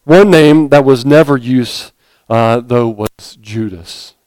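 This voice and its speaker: A man's voice: medium pitch, slow pace, a little mellow, smooth, dry recording. A man preaching a sermon as a pastor, talking conversationally with frequent fillers and self-corrections.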